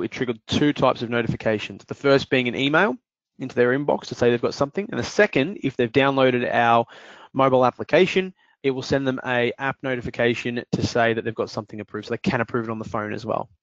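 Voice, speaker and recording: A man gives a screen-share software demo, walking through each step steadily with the odd filler. His voice is medium-pitched and a little fast, captured in a dry, lo-fi recording.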